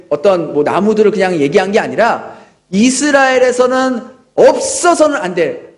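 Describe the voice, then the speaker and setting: In a church sanctuary, a pastor in his thirties preaches a sermon in a voice that is very high for a man. He speaks earnestly, like a storyteller, and keeps turning to his listeners with rhetorical questions.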